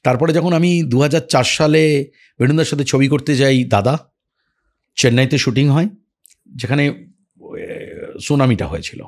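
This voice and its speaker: A man tells stories in a relaxed interview, reminiscing about his career. His voice sits at a middle pitch with a husky edge, and he acts out the lines he quotes. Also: moderate pace, pauses often. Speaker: actor as podcast guest. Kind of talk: casual storytelling interview.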